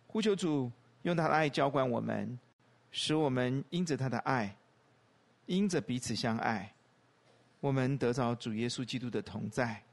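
Brief: male pastor, steady mid-range voice, guiding a quiet prayer. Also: mid-range voice, gravelly. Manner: calm, measured prayer. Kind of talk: leading prayer.

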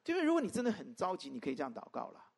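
A pastor preaching a sermon to a congregation, peppering it with rhetorical questions and swinging between loud emphatic calls and soft asides. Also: medium pitch, rapid-fire, gravelly, slightly rough. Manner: animated, constant rhetorical questions to the listeners.

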